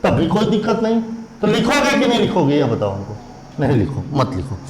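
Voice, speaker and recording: A man's voice: on the high side, expressive, a little fast, crowd noise. A male maths teacher leading a classroom lesson, quizzing students with repeated questions in a teasing, scolding tone. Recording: echoey room, faint background noise.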